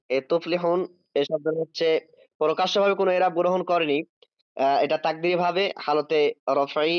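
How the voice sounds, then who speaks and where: This male teacher speaks in a fairly high pitch, leading an online Arabic grammar lesson one step at a time. He draws out every Arabic word he reads and pauses to see whether his students keep up; there's no echo, though the highs are cut off.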